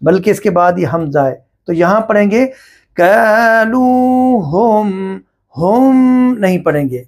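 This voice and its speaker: A middle-aged man teaching Quran recitation rules, explaining each point slowly and step by step. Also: sits high, gravelly. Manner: slow, deliberate, explaining step by step. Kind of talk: religious lesson on recitation rules.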